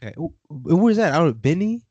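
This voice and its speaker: Lively male interviewer, dry sound. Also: fairly high pitch, fast talker, no room sound, highs cut off. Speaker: podcast host, interviewer. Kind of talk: casual interview.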